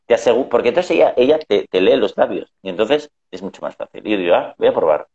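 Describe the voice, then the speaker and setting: Hombre de España muy expresivo, sonido apagado. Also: male voice, fairly low pitch, fast. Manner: animated anecdotes, acts out quoted family voices. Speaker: guest. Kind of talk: conversational storytelling. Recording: dull lo-fi sound.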